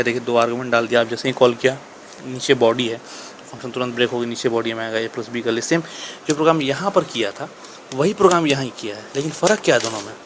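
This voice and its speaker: A man's voice: medium pitch, a little hiss or hum. A man teaching programming in a casual, conversational way, often asking and answering his own questions. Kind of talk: casual explanatory lecture.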